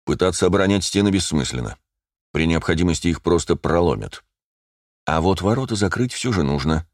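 A man narrating a first-person fantasy audiobook in a measured, steady manner. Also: low voice, dry recording, clean studio sound.

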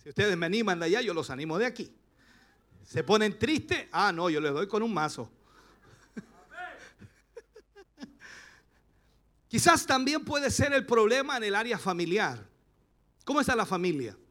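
Male Chilean pastor, sermon delivery, high and bright, rousing with joking asides. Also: very animated, fairly quick. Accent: Chilean Spanish. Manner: rousing, rhetorical questions, playful asides. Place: church service.

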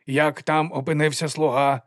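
Curt commanding male official played by a man, slow clipped words, audiobook, dry. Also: on the high side, flat delivery, no room sound, voice pushed up, close to an everyday voice. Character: cold commanding male auditor in grey.

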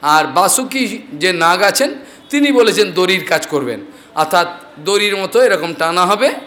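A man voicing a humble, persuasive male envoy of the gods who flatters a king, in a storytelling sermon. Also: high voice, a little slow, full character voice.

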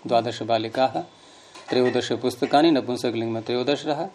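A man's voice: medium pitch, brisk, a little mellow, a little hiss or hum. A middle-aged man teaching a grammar class, explaining patiently and quizzing his students. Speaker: Sanskrit teacher.

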